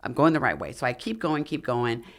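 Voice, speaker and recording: A middle-aged woman guesting on a podcast, once a figure competitor and mountaineer, shares a dramatic story in a laid-back interview, acting out what others said with animation. Her voice is extremely low and fairly quick.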